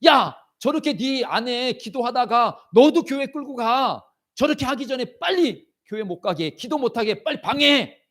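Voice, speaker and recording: A man's voice: very high-pitched, expressive, moderate pace, hardly any pauses, fairly bright tone, voice pushed up, heavily acted. A male pastor voicing a wicked devil who hurriedly urges others to stop someone from praying, in a raised, pressing voice. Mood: urgent. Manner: urgent, scheming commands.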